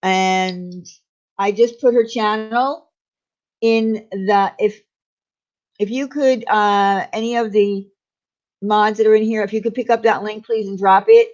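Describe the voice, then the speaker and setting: Reading viewer comments in a casual live chat, a New York livestream host speaks slowly in a mid-range, darkish voice with fairly even intonation. She is chatty and rambling with easy laughter, and the recording is dull and lo-fi.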